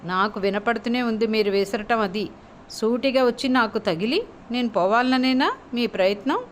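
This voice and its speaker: A woman's voice: a little high, moderate pace, a little hiss or hum, lightly acted. A woman voicing a sweet-talking, teasing young wife in a spoken story, her tone sugary and mock-pleading. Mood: coaxing, pleading.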